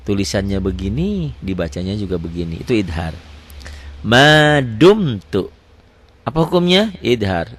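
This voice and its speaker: A man teaching tajwid. He quizzes the class with his own questions and recites verse examples slowly and drawn out. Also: lowish voice. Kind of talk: tajwid lesson.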